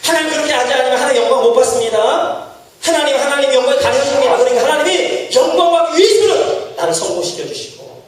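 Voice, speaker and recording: A man preaches a passionate sermon in a high, lively voice that climbs into shouts. He stands some way from the mic, and a big echo rolls around the church sanctuary. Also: fast talker. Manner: impassioned preaching, voice rising to shouts when acting out prayers. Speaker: pastor. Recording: echoey church hall, mic at a distance.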